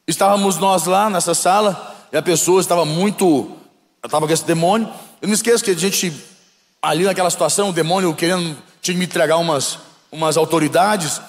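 A male bishop with a Brazilian accent preaching and telling a story with lively drama, often questioning the congregation. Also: on the high side, fast talker, long reverb tail. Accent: Brazilian Portuguese. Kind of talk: sermon storytelling. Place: church.

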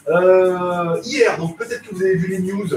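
A man chats through a live tech podcast in a rambling, slangy way, full of fillers. His voice sits a bit on the high side. He is heard from some distance in an echoey room with a faint hiss behind him. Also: fairly even intonation, a little slow. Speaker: podcast host. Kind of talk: casual live tech chat. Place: home in Thailand.

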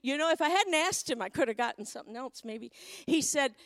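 A middle-aged woman, preaching a sermon through a personal story, building to loud, fervent preaching. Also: sits high, expressive, fairly quick, no room sound. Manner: acts out quoted speech in storytelling.

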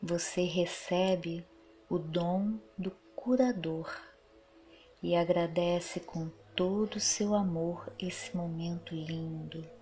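Very slow, soft woman guiding a meditation. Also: on the low side, steady tone. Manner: soft, soothing, very slow with long pauses. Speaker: guided meditation narrator. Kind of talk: guided meditation, scripted narration. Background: music.

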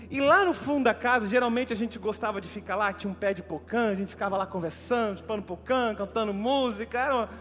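A high-pitched man preaches in an animated storytelling manner. His voice rings with long reverb through a church hall, with faint music underneath. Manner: animated storytelling, addressing listeners as brother. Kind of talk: sermon with personal story.

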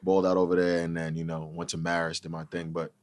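Deep flat-voiced young New man. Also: quick pace, smooth, no echo, clean studio sound. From Long Island, New York. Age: 20s. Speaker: podcast guest. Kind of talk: casual chat.

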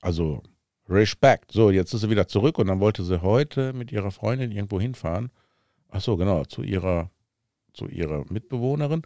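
Low-voiced, chuckling middle-aged man. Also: animated, normal speed, dark tone, no echo, clean studio sound. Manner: chuckling anecdote-teller, tags sentences with "ne". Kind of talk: casual chat.

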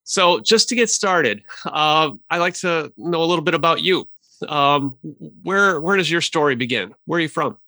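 A man's voice: fairly high pitch, animated, moderate pace, bright, forceful tone, no room sound. A man hosting a podcast, reading a scripted intro and then interviewing a guest with frequent fillers and restarts. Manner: hesitant with fillers and restarts in conversation. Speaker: podcast host.

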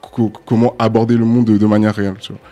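A young man talking in a casual podcast discussion, fast and halting, often restarting and repeating words. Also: fairly low pitch, flat delivery, dark tone, dull audio. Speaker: podcast guest.

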